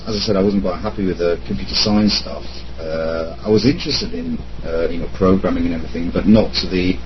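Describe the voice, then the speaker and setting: A man in his thirties, from Germany and raised in Italy, answering interview questions from his room at home in a rambling way, with many fillers and restarts. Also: deep voice. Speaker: podcast guest, web accessibility expert. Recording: slightly dull lo-fi audio with faint hum.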